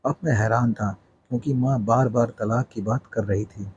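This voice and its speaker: Man, storyteller, first-person narration, flat even tone, mellow dark voice, faint hiss. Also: medium pitch, moderate pace, highs cut off.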